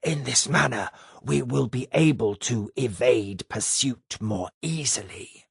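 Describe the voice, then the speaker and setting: A man reading an audiobook, voicing an alien male envoy with a rough, papery voice and a slow, formal delivery. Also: mid-range voice, no echo, clean studio sound, heavily acted. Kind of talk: audiobook character voice.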